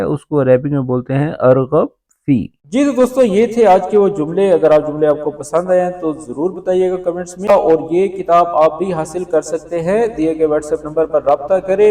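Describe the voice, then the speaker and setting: A man teaches Arabic vocabulary in a slightly high voice. He explains each word step by step and keeps asking whether the listener follows. The recording is dry and close. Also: dark tone, dry recording. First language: Urdu. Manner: explains each word, often checking "ṭhīk hai?". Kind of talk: vocabulary lesson.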